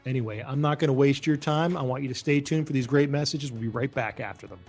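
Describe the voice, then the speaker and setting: A man's voice: mid-range voice, fast, a little mellow, husky, soft background music. A man hosting a talk radio show from his home studio, chatting casually with lots of fillers and small laughs. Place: home studio, talking over Skype.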